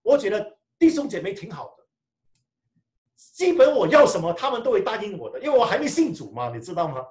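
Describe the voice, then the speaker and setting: A man preaching a sermon and telling his own testimony with animated storytelling, often restarting his phrases. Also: sits high, brisk. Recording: echoey room, mic far off.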